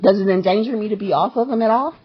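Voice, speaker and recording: Playing a patient calling a medical provider, a woman presses her questions insistently and confrontationally, often repeating them in a demanding tone. Her voice is medium-pitched and quick, heard on a muffled, lo-fi phone call recording.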